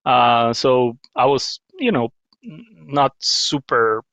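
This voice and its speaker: A man's voice: mid-range voice, expressive, slow pace, creaky, a bit bright, no room sound. A man from Guatemala, chatting as a podcast guest, rambling with restarts and self-deprecating laughs. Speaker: guest, paddle company owner. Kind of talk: casual interview chat. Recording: slightly dull lo-fi sound.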